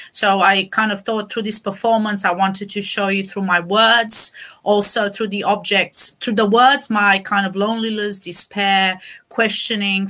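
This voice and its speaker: A woman from Romania, a poet and performance artist, talking about her work on a video call with many pauses and fillers. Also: medium pitch, sharp tone. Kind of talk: online interview talk.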